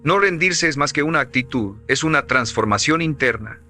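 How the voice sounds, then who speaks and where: A man giving scripted motivational narration in an emphatic, measured, preaching cadence. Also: mid-range voice, animated, sharp tone, soft background music.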